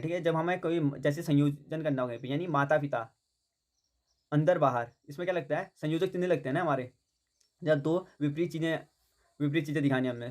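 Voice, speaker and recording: Man, grammar teacher, fairly high voice, exam-prep lesson, self-answered questions, repetitive, English words mixed in. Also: a little mellow. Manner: repeats points, asks and answers own questions, fills with "theek hai"; mixes English words into Hindi.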